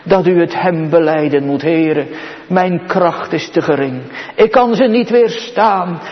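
A man's voice: fairly high pitch, measured pace. A man preaching a sermon solemnly, swelling into exclamations and dropping to near-whispers. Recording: dull sound, long reverb of a large church.

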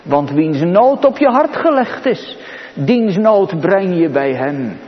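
Male preacher, fairly high voice, slow and solemn, swinging between raised and hushed; long church reverb, muffled recording. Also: very animated. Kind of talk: sermon.

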